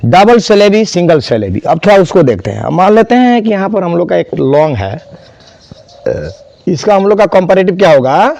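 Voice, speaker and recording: A man's voice: sits high, big pitch swings, moderate pace, vocal fry, a little mellow, dry recording. A man teaching an English grammar class, spelling words out and quizzing students. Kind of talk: classroom lesson.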